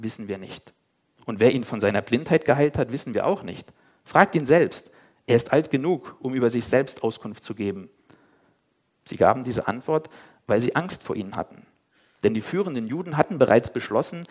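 A man's voice: medium pitch, a little mellow. A man leading a Bible study, explaining informally to his listeners, then reading a passage aloud and lightly voicing the quoted speakers. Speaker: Bible teacher.

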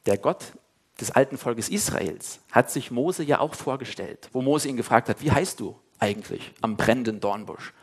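A man's voice: mid-range voice, animated, moderate pace, breathy edge. A man leading a Bible study, explaining informally to his listeners, then reading a passage aloud and lightly voicing the quoted speakers. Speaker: Bible teacher.

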